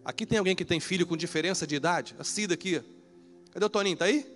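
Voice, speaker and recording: A man preaching a sermon as pastor in a church, animated and acting out dialogues. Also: high voice, fast talker. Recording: echoey church hall with faint music.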